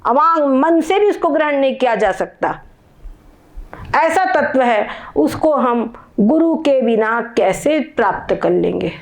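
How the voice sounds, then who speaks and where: A woman's voice: high voice, expressive, slow pace. A woman giving a spiritual discourse, explaining patiently and often checking that her listeners follow. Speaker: spiritual teacher.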